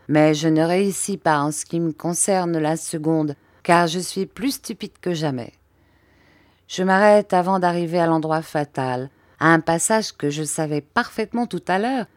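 Woman audiobook narrator, low voice, measured expressive reading, dry close sound. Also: dry recording.

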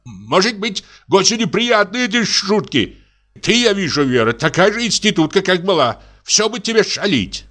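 A man's voice: high voice, big pitch swings, moderate pace, fairly bright tone, pitched above the performer's own voice, exaggerated voice. A man reading aloud and voicing a tipsy, worn-out husband who coaxes, curses and frets. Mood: pleading, irritated. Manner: wheedling, then cursing and exasperated. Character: tipsy, exhausted middle-aged husband, fussy and pleading.

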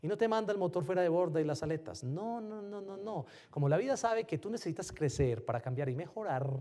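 A man giving an animated motivational talk to a live audience, often firing rhetorical questions at them. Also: high-pitched, fast talker. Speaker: motivational speaker.

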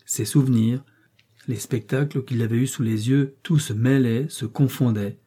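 A man reads an adventure novel aloud in a measured, expressive way. His voice is very dark and noticeably husky. His pitch sits at a middling level for a man. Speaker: audiobook narrator. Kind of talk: scripted narration of an adventure novel.

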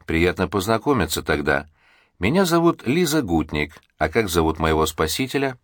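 An eager young woman chatters and pleads in a lifted, lively voice, put on by a man reading the book. Her lines swing widely in pitch and sound close and dry, with no room around them. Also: moderate pace, no room sound. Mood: hopeful chatter. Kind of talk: audiobook reading.

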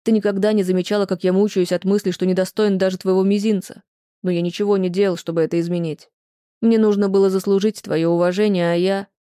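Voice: medium pitch, flat delivery, quick pace, mellow, clean tone, dry recording, studio quality, lightly acted. A reader voicing a remorseful pleading ex-husband. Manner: pleading, self-reproaching. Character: remorseful ex-husband pleading with his former wife.

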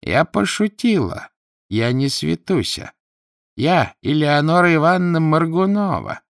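A man voicing a mocking devilish apparition disguised as an old woman, with a shrill, squeaky voice and a sly, teasing manner. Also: expressive, a little slow, gravelly, no room sound, studio quality.

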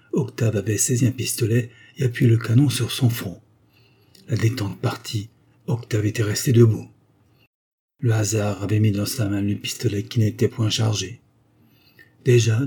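A man giving scripted narration of a classic novel as an audiobook, in a measured, steady storytelling manner. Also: on the low side, husky.

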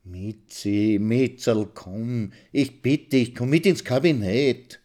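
A man voicing a hot-tempered young pimp who stutters, pleads and shouts in a hasty rush. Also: medium pitch, takes it slowly, voice pushed up, lightly acted. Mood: pleading. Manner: pleading, then shouting heatedly.

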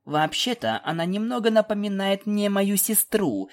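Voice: mid-range voice, very animated, normal speed, pitched above the performer's own voice. A narrator voicing a dry, teasing pony princess of the night. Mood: wry. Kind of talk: fan audiobook voicing.

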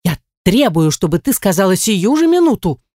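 A woman's voice: mid-range voice, big pitch swings, moderate pace, dry recording, studio quality, natural voice. A woman voicing an imperious, demanding noblewoman. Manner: sharp, commanding, insistent.

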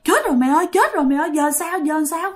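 A woman's voice: extremely high pitch, animated, fast talker, pitched above the performer's own voice. A woman playing a frightened woman on a boat. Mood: panicked. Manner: alarmed exclamations.

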